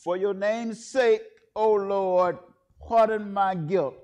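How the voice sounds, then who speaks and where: A man leading a church service, intoning prayers and reading scripture in a measured, solemn way, with a cathedral echo around his voice. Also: sits high, fairly even intonation, a little mellow, clean tone, faint music behind. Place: large church. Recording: long echoing church reverb.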